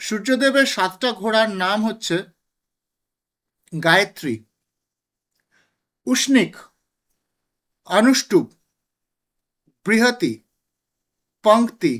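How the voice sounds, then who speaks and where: A woman teaching astrology in an explanatory lecture, slow and deliberate, switching between two languages. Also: mid-range voice.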